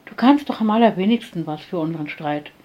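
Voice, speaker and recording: Gentle, soft-spoken man, read by a woman. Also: on the low side, quick pace, highs cut off. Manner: soft, calm. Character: gentle adult man, a tender friend.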